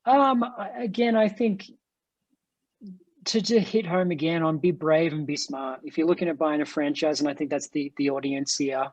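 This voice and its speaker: A man's voice: fairly high pitch, brisk, few pauses, darkish tone, no echo. A man with a non-American English accent, a company executive answering interview questions over a video call, earnest and enthusiastic, often restarting his words. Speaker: franchise company executive, guest.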